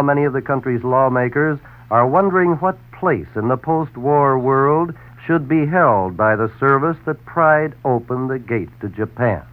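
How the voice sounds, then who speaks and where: A man announcing as a radio correspondent in formal 1940s newsreel style. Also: mid-range voice. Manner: formal, stately announcer delivery. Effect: old newsreel broadcast sound. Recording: tinny old radio broadcast.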